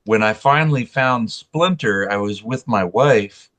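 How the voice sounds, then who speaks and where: A man's voice: fairly low pitch, a little slow, fairly bright tone. A man co-hosting a casual chat, telling stories with enthusiasm. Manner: enthusiastic storyteller. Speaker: co-host.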